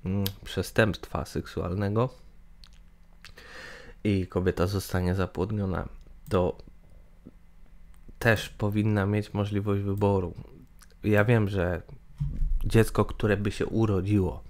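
This gaming channel host, a man in his twenties from Poland, speaks slowly to camera in a fairly low, level and slightly mellow voice, pausing often. He is hesitant, with plenty of fillers and restarts, while sharing his opinion. The sound comes from a webcam in a small room, shown in the corner of a screen capture.

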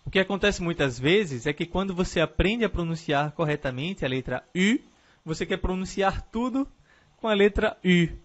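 A man with a fairly high voice gives a video lesson on French pronunciation. He explains patiently and keeps checking in with his viewers. The recording sounds a little dull and lo-fi. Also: expressive, normal speed. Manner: explains patiently, often adds "né?" as a tag. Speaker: French teacher.

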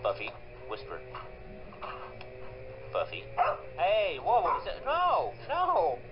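A man's voice: on the high side, big pitch swings, takes it slowly. Playful man coaxing his dogs. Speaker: vlogger. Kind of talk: casual home vlog talking to pet dogs. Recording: lo-fi home video with loud background noise.

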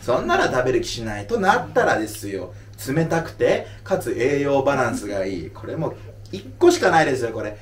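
A man's voice: medium pitch, big pitch swings, fairly quick, roomy sound, distant mic. A man in his thirties from Japan, a comedian answering audience questions after a show in a playful, mock-serious lecturing way. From Aomori, Japan. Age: 30s. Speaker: stand-up comedian. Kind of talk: casual Q&A talk after a live show. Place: live venue.

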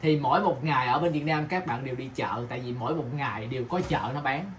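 A man's voice: mid-range voice, quick pace, noisy background. A man with a Southern Vietnamese accent talks casually in a home kitchen vlog. He repeats himself and keeps asking the viewers "right?". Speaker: vlogger.

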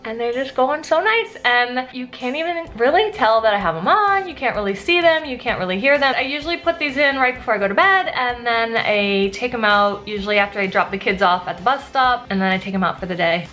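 Woman, 30s, candid vlogger, slightly high bright voice, aligners in her mouth. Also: expressive, brisk, hardly any pauses, faint music behind. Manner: chatty and candid. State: speaking with aligners in. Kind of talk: casual chat.

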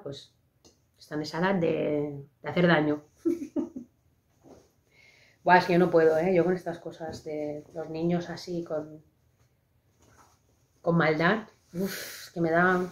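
A woman's voice: fairly low pitch, fairly even intonation, measured pace, long pauses, darkish tone. A woman with a Spain Spanish accent hosting a podcast, talking casually and expressively with lots of fillers. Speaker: podcast host. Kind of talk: casual monologue. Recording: dull lo-fi podcast audio.

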